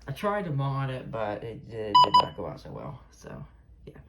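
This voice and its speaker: In a noisy amateur recording with radios, a collector gives a casual show-and-tell of his weather radio collection, unscripted, rambling and trailing off. His mid-range, creaky voice has huge pitch swings at a moderate pace.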